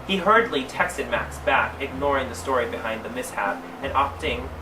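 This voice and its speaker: A man's voice: mid-range voice, animated. Sassy drag queen man in a noisy, echoey room. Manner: theatrical, drawn-out emphasis with mock-scandalized asides. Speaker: drag queen presenter reading fan fiction aloud. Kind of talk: comedic dramatic reading with casual asides. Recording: roomy, distant mic, clearly noisy background.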